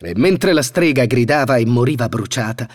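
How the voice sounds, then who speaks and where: A man narrating a fairy tale in a scripted, expressive storytelling manner. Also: mid-range voice, moderate pace.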